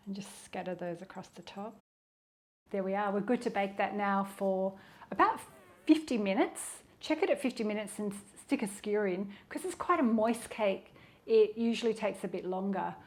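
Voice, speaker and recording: A woman's voice: medium pitch, darkish tone. A woman hosting a casual home baking tutorial, chatty and encouraging, talking the viewer through each step in her kitchen. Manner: chatty and encouraging, talks while eating. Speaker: home baking channel host.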